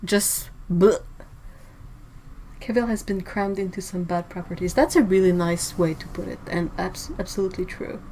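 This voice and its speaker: A woman's voice: fairly low pitch, moderate pace, dark tone, slight background noise, rough recording. A woman hosting a casual livestream, chatting and reacting to chat messages with frequent laughs. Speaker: livestream host.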